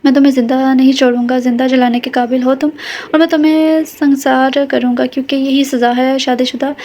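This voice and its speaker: Hot-tempered young husband, contemptuous, voiced by a woman, high, even delivery. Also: a little hiss or hum. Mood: furious. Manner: angry, contemptuous. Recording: dull lo-fi audio.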